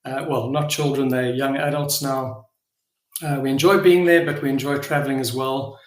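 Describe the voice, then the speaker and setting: Speaking as the founder of a company, this middle-aged man with a South African accent delivers an unscripted, casual address at a medium, steady pitch. His earnest manner is marked by frequent pauses and repeated words, captured in an echoey room.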